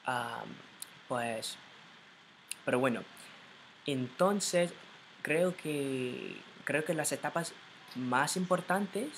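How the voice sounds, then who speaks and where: A young American man, a native English speaker, vlogs casually in Spanish from his room at home into a laptop mic. His medium-pitched, fairly bright voice is extremely slow, with frequent pauses, and he stumbles hesitantly, often restarting and correcting himself. The low-quality recording carries slight background noise.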